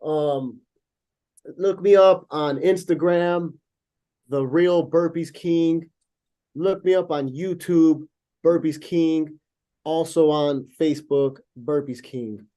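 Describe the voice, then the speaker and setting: Laid-back man, mellow higher voice. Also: steady tone, slow. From Chicago. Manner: laid-back, drops "man" and "bro" often. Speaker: guest. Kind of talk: casual interview chat.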